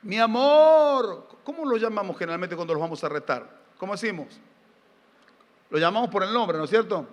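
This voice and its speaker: A man's voice: high-pitched, expressive, fast talker, a bit bright. A middle-aged man with an Argentine accent preaching a sermon, firing rhetorical questions at the congregation and telling folksy family anecdotes. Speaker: pastor. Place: church sanctuary during a live service. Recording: reverberant church hall.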